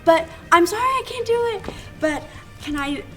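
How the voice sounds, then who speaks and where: Bubbly high-voiced woman, distant. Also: animated, moderate pace. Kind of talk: casual tribute remarks. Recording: distant mic, music behind.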